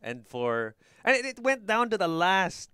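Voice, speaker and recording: A young man trades fast, excitable remarks on a wrestling talk show. His voice is smooth and resonant, with pitch that moves around a lot. The recording is dry and close. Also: no echo. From Philippines. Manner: excitable, laughs often, fast asides. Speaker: podcast co-host. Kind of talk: casual wrestling chat.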